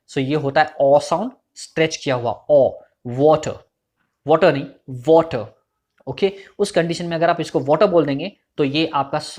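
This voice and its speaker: A man with a somewhat higher voice gives a pronunciation lesson. He walks through each sound step by step, demonstrating it slowly. English terms slip into his explanations throughout. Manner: mixes English terms into Hindi speech. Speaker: pronunciation teacher. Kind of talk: instructional explanation.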